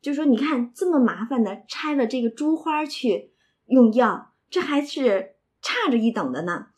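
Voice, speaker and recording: A woman with a slightly high voice walks listeners through a classic novel. She speaks casually and conversationally, stopping to comment and ask rhetorical questions as she goes. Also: lively intonation, moderate pace, a little mellow. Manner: chatty, asides and rhetorical questions. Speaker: literature storyteller and explainer.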